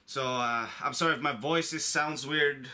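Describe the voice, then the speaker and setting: A man with a mid-range voice, pushed and bright, speaks at normal speed. He's an online video creator getting over a cold, giving a casual, unscripted film review to camera as an enthusiastic fan who rambles and repeats himself.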